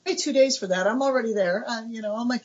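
An American woman in her forties, an author chatting warmly and eagerly in an interview, laughing often, on a dull lo-fi recording. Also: fairly high pitch, fast talker, slight background noise. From United States. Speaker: author guest. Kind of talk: casual interview chat.

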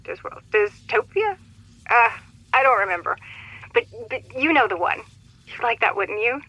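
A woman playing a young mother who pilots a cargo starship, talking warmly and apologetically in a recorded message. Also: on the high side, moderate pace, breathy edge, dry recording, lo-fi sound, heavily acted. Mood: apologetic. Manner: warm and apologetic.

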